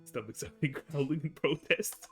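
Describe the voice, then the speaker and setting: A man's voice: on the high side, fairly quick, fairly bright tone, faint music behind, lightly acted. A man voicing a bumbling, underpaid police detective, blustery and deferential, in a playful game read-aloud. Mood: pleading, deferential.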